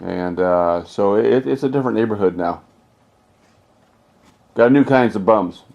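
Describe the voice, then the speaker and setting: A man's voice: lowish voice, unhurried, vocal fry, lo-fi sound. An older man chatting casually at home with a dry, joking manner. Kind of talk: casual chat. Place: home living room.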